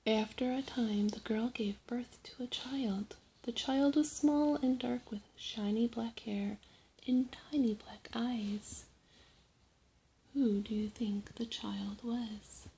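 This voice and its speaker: A woman storyteller narrating a trickster folk tale in short, deliberate phrases with dramatic pauses. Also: a little high, fairly even intonation, creaky, warm tone, a little hiss or hum, low-quality recording.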